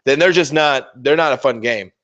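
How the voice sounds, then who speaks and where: A man's voice: mid-range voice, normal speed, a bit bright, lo-fi sound. Rambling, profane man streaming his hobby. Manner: rambling, profane, teasing banter. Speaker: livestreamer painting miniatures. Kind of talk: casual chat.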